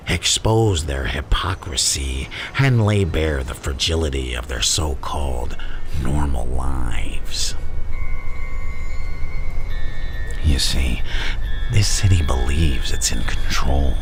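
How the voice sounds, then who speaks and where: A man playing the Joker as a theatrical, menacing madman, philosophizing in a gravelly, often whispered ASMR roleplay delivery. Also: a bass voice, full character voice. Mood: scheming, commanding. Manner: theatrical, drawn-out, conspiratorial. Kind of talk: ASMR roleplay villain monologue. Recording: music playing behind the voice.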